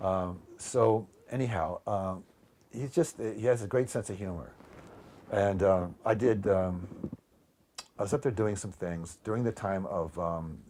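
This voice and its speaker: A man's voice: sits low, measured pace, a little mellow, slight background noise. A man telling anecdotes in a casual interview, meandering with lots of ums and restarts.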